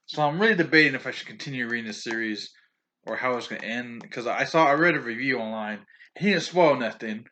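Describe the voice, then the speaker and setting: A man's voice: mid-range voice, fast, pushed and bright, slight background noise. A man talking casually in a video about books he bought, rambling, restarting often and stumbling over names, chatty and opinionated. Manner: chatty and opinionated, with frequent chuckles. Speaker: vlogger reviewing a manga haul.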